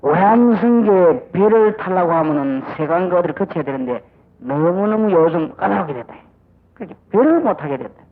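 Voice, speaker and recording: Speaking in a high, expressive voice at a moderate pace, an older Busan man gives a sermon as pastor inside a church sanctuary. His Gyeongsang accent and emphatic style frame the little dialogues he acts out, all captured on a dull old audio recording.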